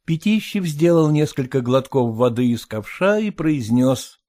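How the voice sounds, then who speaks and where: A man narrating a story in measured, even storytelling. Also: medium pitch. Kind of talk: audiobook narration.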